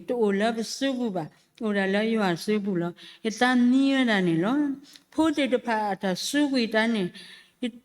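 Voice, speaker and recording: A woman with a fairly high voice gives her testimony in a church. Her speech is halting and broken by fillers and repeated syllables. Her words ring out with the long reverb of a large church hall. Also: a little mellow. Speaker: church member giving a testimony.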